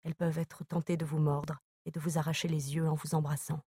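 A woman reading a novel aloud as narrator, in a measured, even manner. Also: deep voice, slightly rough, no echo, studio quality. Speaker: audiobook narrator.

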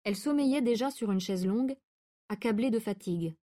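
Brief: woman audiobook narrator, measured and expressive, warm tone. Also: a little high. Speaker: audiobook reader. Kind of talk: literary narration.

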